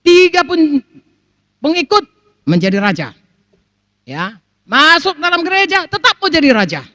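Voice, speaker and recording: A woman's voice: high voice, unhurried, no room sound. A middle-aged woman pastor from Sumatra, preaching a sermon and acting out the people she quotes. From North Sumatra. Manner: animated preaching, acts out quoted voices, keeps addressing the congregation.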